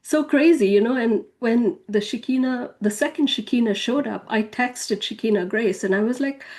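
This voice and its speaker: A woman's voice: fairly high pitch, moderate pace, darkish tone. A woman sharing her spiritual journey in a casual, chatty way, full of fillers like "you know" and "if you will". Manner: acts out quoted speech with a raised voice. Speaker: spiritual author and channel guest. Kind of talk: casual personal storytelling.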